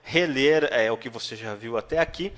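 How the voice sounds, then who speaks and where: A man's voice: medium pitch, fairly bright tone. A man teaching an English lesson, stretching out the English example phrases and checking in with the listener after almost every phrase. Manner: slow drawn-out English examples, frequent "tá?" check-ins. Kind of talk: online language lesson.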